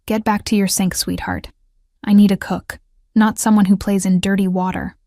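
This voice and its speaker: A woman's voice: medium pitch, flat delivery, moderate pace, dark tone, dry recording, clean studio sound, close to an everyday voice. Brief: arrogant male head chef, Italian accent, condescending sneer, voiced by a woman narrator.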